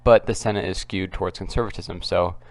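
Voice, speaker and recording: A man hosting a casual, unscripted commentary video, keeping his voice quiet and subdued and talking in a halting, repetitive way. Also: sits low, fairly even intonation, slight background noise. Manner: kept quiet, subdued because others are nearby. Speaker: political commentary video host. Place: at home, others nearby.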